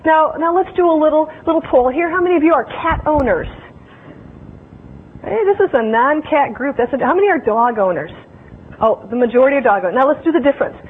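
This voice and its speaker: High-voiced woman giving an animated keynote. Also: fairly quick. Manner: animated, playful, talks straight to the crowd. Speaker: motivational speaker. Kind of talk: keynote talk to a live audience. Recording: tinny phone-like recording with faint noise.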